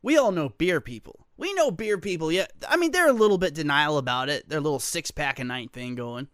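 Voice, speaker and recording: A man's voice: on the high side, lively intonation, fairly quick, fairly bright tone, no room sound, studio quality. A man hosting a solo talk radio show, reading local news stories and ranting about them with sarcastic, joking asides. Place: radio studio.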